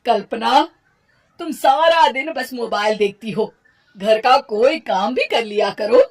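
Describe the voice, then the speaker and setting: A woman's voice: a little high, lively intonation, slow, exaggerated voice. A woman playing a stern cartoon mother-in-law who scolds and speaks sarcastically.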